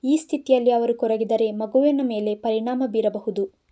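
Give me a teasing, exasperated young husband from an audio storybook, as a woman narrator puts him on, pleading and scolding in a mellow, slightly high voice. The reading stays close to her own voice. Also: moderate pace, natural voice.

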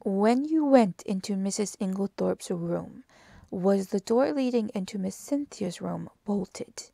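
Woman doing Poirot, a slow, emphatic Belgian detective. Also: mid-range voice, animated, vocal fry, dry recording. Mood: probing. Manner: slow, emphatic, louder questioning. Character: fussy, precise older male Belgian detective. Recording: dry close audiobook recording.

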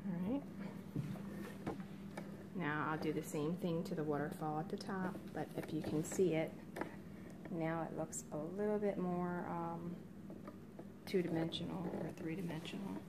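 A middle-aged woman giving relaxed, murmured step-by-step instructions in a hands-on craft tutorial at home. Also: lowish voice, measured pace, long pauses, background noise. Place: cluttered home craft room, indoors.

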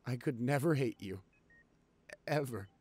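Boyfriend audio role-play: young man as an anxious, loving partner; gentle, reassuring, ordinary middle pitch. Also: measured pace, husky. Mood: tender. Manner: soft, soothing, reassuring. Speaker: voice actor reading a listener script.

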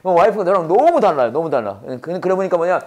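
Male English teacher with a native Korean tongue, animated delivery, drilling phrases with call-and-response. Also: sits high, quick pace. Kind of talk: Bible-based English lesson to a class.

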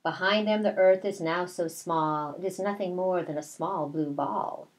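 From a small bedroom at home, a middle-aged woman who teaches kindergarten reads a picture book in a careful, expressive manner, adding comments for the little ones. Her voice sits on the low side.

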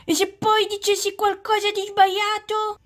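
A woman doing a chatty young girl doll with a high voice, rambling and flustered. She trips over her words and can't hold anything in. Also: level tone, moderate pace. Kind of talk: doll play-acting.

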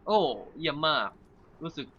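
A man giving casual, playful let's-play commentary, chatting and reacting excitably while he plays. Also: moderate pace, lo-fi sound. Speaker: gaming channel host.

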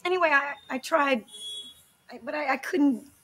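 An actress playing a high-strung, easily grossed-out young woman in a sitcom, sounding shrill and exasperated. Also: normal speed, fairly bright tone, dry recording. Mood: confessing. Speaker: sitcom character. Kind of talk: sitcom acting. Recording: noisy TV audio with laugh track.

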